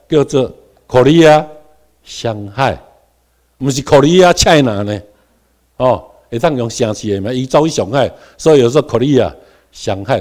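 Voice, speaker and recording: A middle-aged Taiwanese man giving a classroom lecture, with quiet asides and sudden loud stressed words, having the class repeat terms after him. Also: a little high.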